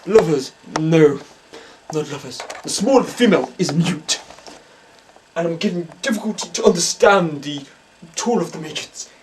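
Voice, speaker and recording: A man playing a hammy spoof psychic medium who speaks in halting, dramatic whispers and gasps in a comic mock documentary. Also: on the high side, animated, darkish tone, distant mic, slight background noise, lightly acted. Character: hammy male stage psychic, breathy and theatrical.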